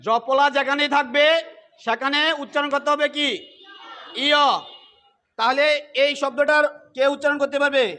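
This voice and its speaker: A man's voice: extremely high pitch, flat delivery, brisk, sharp tone. A man teaching pronunciation for scripture recitation, explaining rules step by step and repeating example words. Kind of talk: pronunciation lesson.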